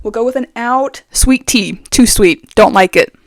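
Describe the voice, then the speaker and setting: Speaking very close to the microphone, a young woman vlogger chats casually, full of fillers and strong opinions. Her voice is fairly high and her pace measured, with no room sound.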